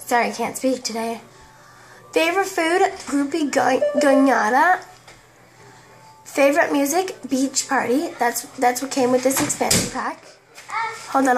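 A woman casually commenting on a life-sim game, rambling and halting, often tripping over words. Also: sits high. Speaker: game video creator.

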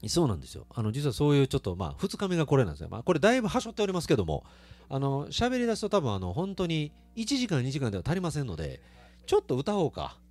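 A man's voice: on the high side, wildly swooping pitch, rapid-fire, a little mellow, no echo. A man with a Kansai accent, a singer chatting casually with his live stream audience between songs, laughing often. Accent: Kansai Japanese. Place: small live music venue.

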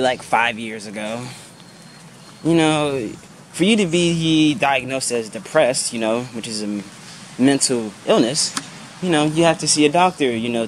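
This young vlogger in his twenties speaks in a mid-range voice that sounds sick and a bit off, with slight background noise. He rants casually to his handheld camera, held low at arm's length, dropping "you know" and "bro" and swearing freely. He's outdoors under trees beside a brick building.

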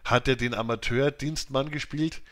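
A man's voice: mid-range voice, steady tone, moderate pace, a bit bright, lightly acted. A man voicing a skeptical, jokey young journalist who sounds baffled and scoffing.

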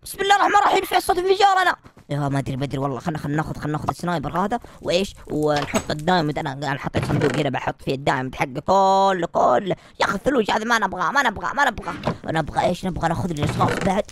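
A woman playing a fearful, kind Luigi in a Minecraft role-play, talking in quick repeats. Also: low voice, background noise. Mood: busy. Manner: jumpy, fearful, talks fast with repeats. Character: scared but kind plumber Luigi. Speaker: game channel creator.

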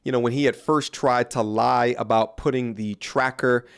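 A man's voice: mid-range voice, fairly even intonation, normal speed, creaky, clean tone. A man in his thirties delivering a pointed, earnest commentary on a studio microphone in a small room. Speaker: commentary YouTuber. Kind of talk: scripted commentary video. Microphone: studio mic on a boom in front of him.

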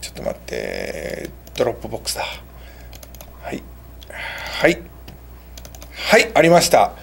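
Lively Japanese-speaking man teaching English. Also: mid-range voice, creaky, a little hiss or hum. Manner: chatty, mixing in slow English phrases. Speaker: English teacher and show host. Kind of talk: casual spoken lesson.

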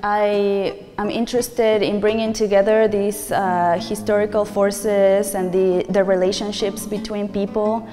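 A woman's voice: mid-range voice, level tone, measured pace, few pauses, dark tone, in a large hall, soft background music. A woman in her forties from Argentina, Spanish her first language, an artist speaking earnestly and reflectively about her work in a gallery. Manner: earnest, reflective, gestures as she talks. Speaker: visual artist. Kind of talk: gallery talk to camera. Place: large bright art gallery indoors.

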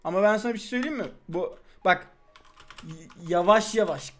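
A young man hosting a gaming video, chatting excitedly and playfully with a friend while he plays. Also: sits high, a little fast, slight background noise. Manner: loud, playful, exclamatory, protesting innocence. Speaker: gaming channel host. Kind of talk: excited gameplay chat with a friend.

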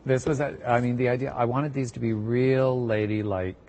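A man's voice: medium pitch, fairly even intonation, normal speed, darkish tone. A middle-aged man chatting casually as a designer guest on a home shopping show, gushing in loose, rambling phrases. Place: TV shopping studio.

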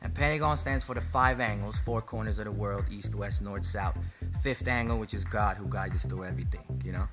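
A young man with a slightly low voice chats in a relaxed, easygoing way, his sentences full of "you know." He sits in a TV studio, and music plays clearly under his talk. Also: fairly quick. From Armenian-American, raised in Amsterdam. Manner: laid-back, heavy on "you know" fillers. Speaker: rapper guest. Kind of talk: casual interview chat. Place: TV studio set.

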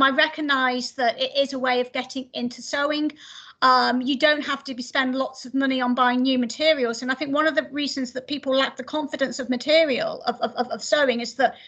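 A middle-aged woman with a high voice speaks over a video call from her home office. She answers questions after a talk in a loose, hesitant way, often restarting her sentences. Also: fairly bright tone. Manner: hesitant, many restarts and fillers. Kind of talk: casual academic Q&A.

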